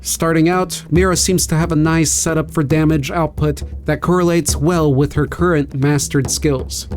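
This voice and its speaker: Male player-commentator, higher voice, casual recap, faint music. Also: moderate pace. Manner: relaxed recap of battles and gear.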